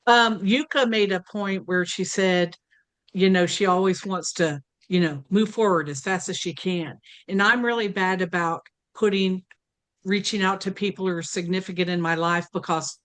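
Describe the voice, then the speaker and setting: Rambling woman, smooth clear voice. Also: lowish voice, fairly bright tone. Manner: rambling, heavy on "you know". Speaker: class participant.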